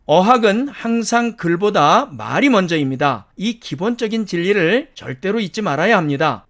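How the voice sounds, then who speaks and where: A man who speaks Korean as his first language gives a methodical lecture over slides, counting items aloud one by one as an English pronunciation teacher. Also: sits high.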